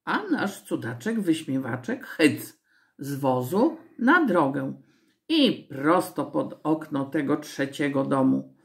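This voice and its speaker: A woman reads a children's story aloud in a low, gravelly voice with animated pitch. She tells it expressively and slowly, at an unhurried pace.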